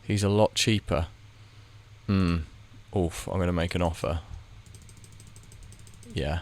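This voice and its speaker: Playing a game on camera, this gaming video creator rambles and thinks aloud, muttering at the screen and frequently restarting. His low, darkish voice moves slowly, with fairly even intonation.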